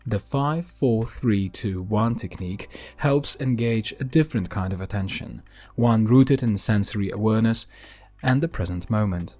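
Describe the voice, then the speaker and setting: A man hosting a podcast in a calm, gentle, unhurried way, narrating a scripted grounding exercise with deliberate pauses. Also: lowish voice, faint music behind. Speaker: podcast host.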